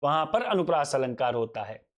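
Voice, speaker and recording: In a mid-range, sing-song voice with a fairly bright tone, a man lectures on Hindi grammar at normal speed. He asks and answers his own questions, goes over each definition twice, and lovingly refers to his students as "child."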